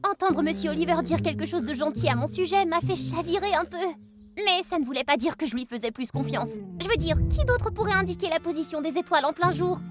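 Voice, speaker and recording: A woman narrating an animated diary story in the first person, quirky and excitable. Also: very high-pitched, quick pace. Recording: music behind the voice.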